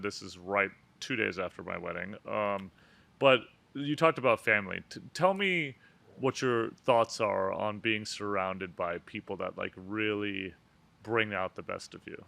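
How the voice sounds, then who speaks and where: A man's voice: fairly low pitch, creaky, pushed and bright. A young adult man hosting a casual interview, upbeat and friendly. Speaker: host.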